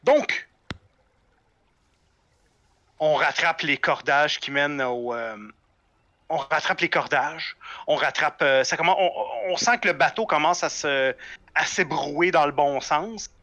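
A man improvising as a tabletop game master, haltingly repeating phrases as he searches for words. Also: fairly high pitch, pushed and bright, highs cut off.

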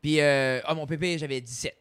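Guy on a podcast, kinda high voice, teasing, dry close mic. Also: steady tone, brisk, a bit bright, clean tone, no echo. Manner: teasing, mixes English into French. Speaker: podcast co-host. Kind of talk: casual chat.

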